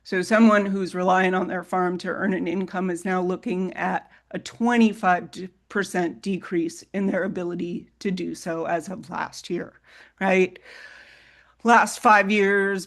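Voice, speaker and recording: A woman giving testimony as a resident at a public hearing, her voice shaky and wobbly from a vocal tremor. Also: mid-range voice.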